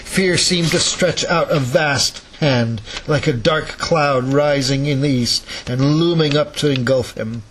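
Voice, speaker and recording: A man reading a novel aloud in a relaxed, casual manner, with chatty asides and self-corrections. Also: on the high side, unhurried, few pauses, slight background noise, poor audio. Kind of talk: casual read-aloud narration.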